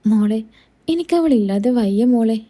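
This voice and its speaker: A woman voicing a grieving, gentle widowed father-in-law, in a soft, tender, pleading manner. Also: fairly high pitch, expressive, a little slow. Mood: sorrowful.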